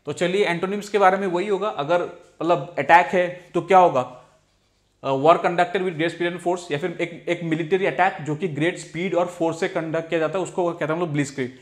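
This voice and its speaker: A man with an Indian accent teaching English vocabulary, mixing Hindi with slowly drawn-out English definitions and often saying "theek hai" and "okay". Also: on the high side, fairly even intonation. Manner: drawls when reading English definitions. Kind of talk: explaining vocabulary from slides.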